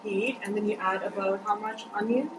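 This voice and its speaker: A woman's voice: mid-range voice, steady tone, fairly quick, noisy background. Young woman asking questions, echoey room. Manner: friendly questioning, repeats answers back. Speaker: interviewer host. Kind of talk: casual cooking interview. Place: small indoor room, student kitchen.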